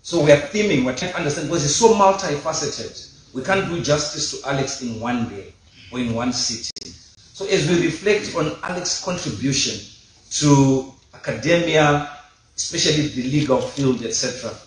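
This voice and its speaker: A man moderating a memorial lecture, speaking haltingly with many fillers at a podium. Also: on the high side, lively intonation, far from the mic. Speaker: event moderator. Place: large lecture hall with audience. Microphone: podium microphone. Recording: echoey hall, slightly off-mic, faint noise.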